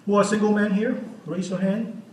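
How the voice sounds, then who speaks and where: A sixty-year-old man speaks earnestly to a church crowd, working without a script and turning to the audience with questions. His slightly higher voice rings through a roomy hall, heard from some distance away with a faint hiss underneath. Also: fairly even intonation, normal speed, a little mellow. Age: 60s. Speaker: guest speaker. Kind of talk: church teaching talk.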